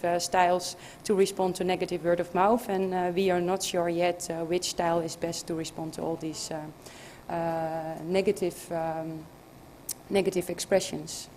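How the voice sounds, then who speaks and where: Woman, lowish voice, academic presenter, hesitant delivery with frequent fillers, faint background hum. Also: flat delivery, moderate pace, a little mellow. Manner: hesitant, many filler sounds and restarts. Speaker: conference presenter. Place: conference room.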